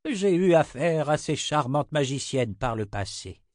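An old, worldly sorcerer in a fantasy audiobook, voiced by a male reader, dropping wry asides as he reasons things out. Slow, measured delivery on a dry, close mic. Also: fairly high pitch, lively intonation, no room sound.

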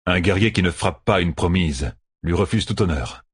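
A man's voice: low-pitched, breathy edge. Man doing a stoic, grave warrior. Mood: solemn. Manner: calm, measured, solemn.

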